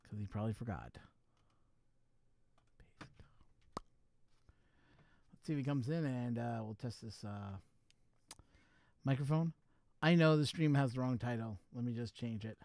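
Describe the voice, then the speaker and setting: Speaking a little slowly and pausing often, a man rambles to his live stream viewers as he messes with his gear. His mid-range voice has a darkish tone, picked up by a wireless USB microphone.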